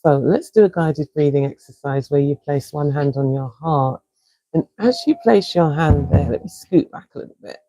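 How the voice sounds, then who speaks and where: A woman from England with a South London accent talks slowly and soothingly as a wellness coach, guiding viewers through a breathing exercise on a live stream. Her voice is mellow and soft-edged, recorded dry and close on a phone or webcam with no room sound. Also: sits low, dry recording, poor audio. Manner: slow, soothing and encouraging.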